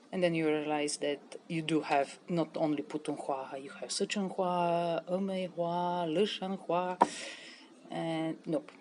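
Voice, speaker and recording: Woman, lowish voice. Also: a little mellow, a little hiss or hum. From Bulgaria. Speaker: expat interviewee. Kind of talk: casual talk to camera.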